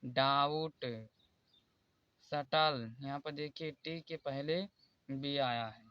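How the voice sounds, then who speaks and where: A man teaching English spelling rules in a slow, repetitive way and pointing out examples one by one. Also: a little high, fairly even intonation, smooth, dry recording, lo-fi sound. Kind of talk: explaining spelling rules in Hindi.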